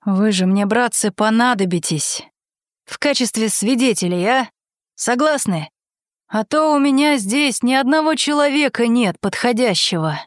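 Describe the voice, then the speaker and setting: A woman reading aloud, voicing a stern young nobleman who speaks gravely and formally about his duel. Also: medium pitch, expressive, a little slow, no room sound, studio quality, voice pushed down, natural voice.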